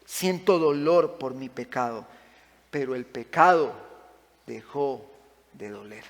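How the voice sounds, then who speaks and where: A man preaching a sermon as pastor, passionate, rising to loud emphatic peaks and sinking to quiet pleading. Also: medium pitch, lively intonation, slow. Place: church sanctuary. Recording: long church-hall reverb.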